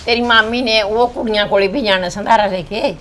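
An older woman playing a frail, loving village grandmother who gently consoles her daughter in a family drama. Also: mid-range voice, fairly even intonation, brisk, slight background noise, lightly acted. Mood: consoling.

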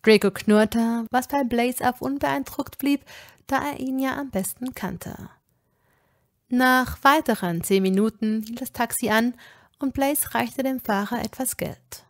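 A woman narrating a fan fiction story in a measured, even way. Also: a little high. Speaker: audiobook reader. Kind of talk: reading fan fiction aloud.

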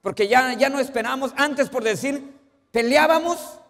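A man delivers a sermon in a high, lifted voice. He quizzes his listeners and moves from forceful emphasis to quiet asides. His words trail off into the long reverb of a church hall. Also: normal speed. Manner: asks the congregation questions, swings between loud emphasis and quiet asides. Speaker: pastor. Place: church sanctuary.

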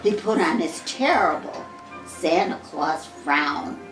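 A woman reading a Christmas poem aloud to her family, slow and expressive with small slips, recorded from a distance in an echoey room at home with music behind. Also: deep voice.

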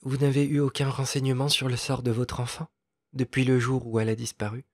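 A man voicing a kind young lady in a storybook reading, speaking softly and coaxingly. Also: medium pitch, level tone, brisk, no echo, clean studio sound, pitched above the performer's own voice, natural voice. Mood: tactful. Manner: soft, coaxing, tactful.

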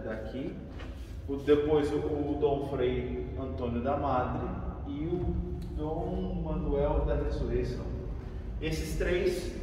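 A Brazilian man working as a tour guide gives an informal, explanatory tour inside a large, reverberant stone crypt, often checking in with "né." His mid-range voice has a dark tone, and he sounds distant from the mic amid heavy echo and faint noise.

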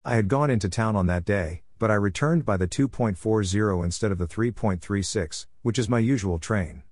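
A man narrating an audiobook in a measured, earnest storytelling manner. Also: fairly low pitch, darkish tone, no echo, clean studio sound.

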